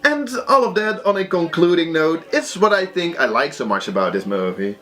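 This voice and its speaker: A young Belgian man, a native Dutch speaker, casually recommends movies in a halting, animated way and keeps restarting his sentences. His voice is a little high.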